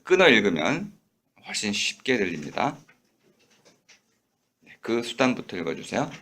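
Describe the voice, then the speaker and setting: A middle-aged male lecturer in a classroom, coaching students through a reading with quick prompts. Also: on the low side, very animated, creaky, sharp tone. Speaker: university lecturer. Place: lecture room.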